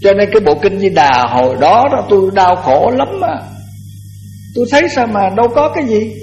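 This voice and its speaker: Older monk, echoey hall. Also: male voice, high voice, lively intonation, brisk, darkish tone. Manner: folksy, repeats words, chants verse. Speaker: Buddhist monk giving a dharma talk. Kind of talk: sermon. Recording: echoey hall, dull lo-fi, faint music.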